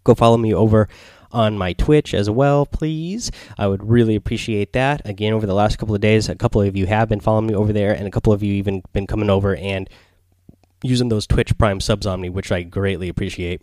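A man hosting a casual gaming podcast in a quiet, subdued late-night manner, rambling and hesitant as he goes. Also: on the low side, fairly even intonation, brisk, no echo. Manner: quiet, subdued late-night delivery, holding back so as not to wake others. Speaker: solo podcast host. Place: small home recording space near bedrooms.

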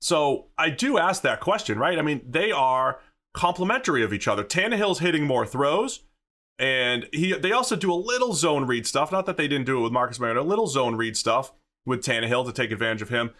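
A man's voice: medium pitch, lively intonation, brisk, pushed and bright. A man hosting a sports podcast, speaking in emphatic, punchy statements. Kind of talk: sports analysis and sponsor read.

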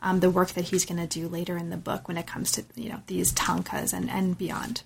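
Husky-voiced woman interviewer. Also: on the low side, flat delivery, fairly quick. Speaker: podcast interviewer and host. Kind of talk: prepared book interview, summarising and asking questions.

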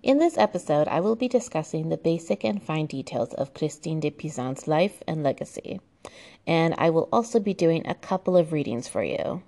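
Low, gravelly young American woman podcaster. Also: expressive, moderate pace, warm tone. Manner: chatty, laughs often, loose with fillers. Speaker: podcast host. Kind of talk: casual solo podcast narration.

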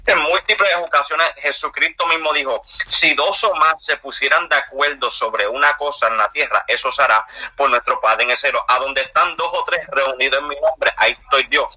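A man's voice: mid-range voice, normal speed, bright, forceful tone, breathy edge, no room sound, poor audio. A man speaking in an emphatic, preaching style, repeating phrases for stress in a faith conversation.

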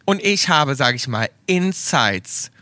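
A man in his thirties co-hosting a casual chat podcast, telling gossip in an animated way and acting out what others said. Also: medium pitch, takes it slowly, no echo. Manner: animated, gossipy storytelling with quoted voices. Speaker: podcast co-host. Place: bar.

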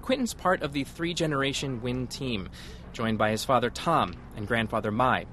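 A man's voice: mid-range voice, normal speed, a bit bright, a little hiss or hum. A man reporting for public radio, moving between scripted feature narration and field interviews.

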